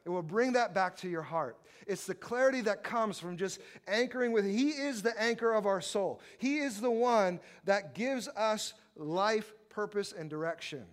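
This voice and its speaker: A man with a high-pitched voice delivers a sermon, talking casually with fillers and small laughs. He swells from soft, low passages into loud, emphatic preaching. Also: normal speed, hardly any pauses. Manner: conversational, with fillers and chuckles. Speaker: pastor.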